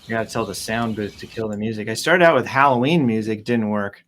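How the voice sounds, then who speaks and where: This host's voice is lowish and fairly bright, and he speaks a little fast. He's leading a laid-back, joking live show with theatrical, playful rambling, while forest and nature ambience fills the noisy recording.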